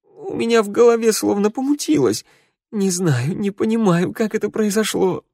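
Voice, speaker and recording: A man's voice: high-pitched, animated, normal speed, dark tone, no echo, pitched above the performer's own voice. A man voicing Radu, weeping young undead. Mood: sobbing pleading. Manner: sobbing, broken pleading. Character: young male undead, weeping, guilt-ridden.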